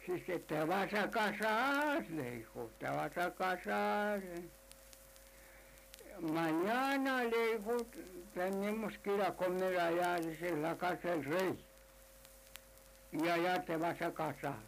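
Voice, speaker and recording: A man's voice: high voice, lively intonation, takes it slowly, gravelly, fairly bright tone, slight background noise, exaggerated voice. A man voicing a clever talking cat who bosses a poor young man around in a folk tale. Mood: urging. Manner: bossy, urging.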